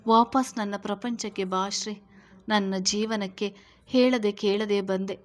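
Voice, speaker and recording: A desperate young husband begs his wife to come back to him in soft, low-voiced pleas, read out by a woman narrator. He sounds quiet and close, his words heavy with grief. Storybook reading, medium pitch. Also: fairly even intonation, unhurried, lightly acted. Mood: pleading. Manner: soft pleading speech, begging.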